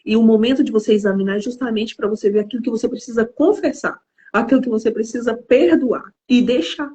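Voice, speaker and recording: A woman's voice: fairly high pitch, quick pace, dark tone, slightly rough, poor audio. A Brazilian woman pastor responding to a testimony with affirming, teaching remarks. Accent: Brazilian Portuguese. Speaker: pastor and host. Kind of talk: conversational preaching.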